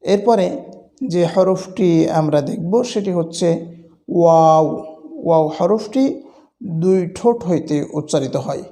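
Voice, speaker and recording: Man, high voice, mellow tone, slow deliberate teaching, drawn-out letter sounds. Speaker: Quran recitation teacher. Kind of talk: instructional lesson.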